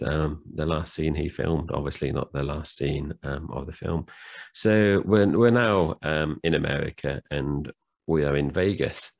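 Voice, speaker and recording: Very low and creaky, with a slightly mellow quality, his voice carries a laid-back film review chat. As a podcast co-host, he talks casually, recounts scenes and leans heavily on fillers.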